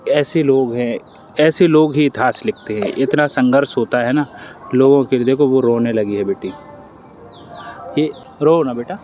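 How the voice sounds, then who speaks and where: A man's voice: medium pitch, moderate pace, darkish tone, a little hiss or hum. A man hosting an interview, earnest and consoling as he speaks to his guest and to viewers. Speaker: interviewer, channel host.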